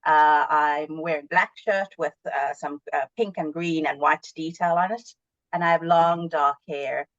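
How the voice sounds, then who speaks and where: Low-voiced woman from South Africa. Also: steady tone, a little slow, fairly bright tone, no echo, highs cut off. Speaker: panel guest, award winner. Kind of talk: webinar panel answer.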